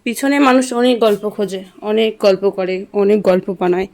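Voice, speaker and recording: A woman's voice: medium pitch, fairly quick, gravelly, darkish tone. A young woman chatting casually to her viewers in a home vlog while she cooks in a small kitchen. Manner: chatty, talks straight to viewers while cooking. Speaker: vlogger.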